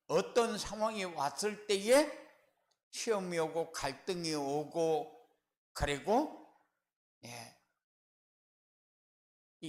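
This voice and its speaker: A man preaching a sermon as pastor, asking rhetorical questions and answering them with firm, repeated refrains, swelling louder on key words. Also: sits high, roomy sound. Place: church sanctuary.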